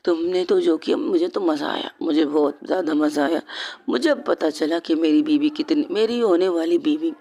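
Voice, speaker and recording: A woman voicing a young woman who gently soothes her crying lover with tender, repeated reassurances. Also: low-pitched, moderate pace. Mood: soothing. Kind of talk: audio story character reading.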